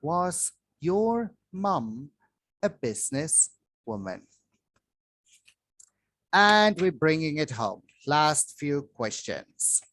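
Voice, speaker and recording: A man teaching English to children, reading a grammar worksheet aloud slowly with long pauses, recorded on a phone over a desk. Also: a little high, sing-song, fairly bright tone. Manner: slow, drawn-out reading with pauses. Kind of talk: slow worksheet walkthrough for children. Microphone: phone filming a worksheet from above.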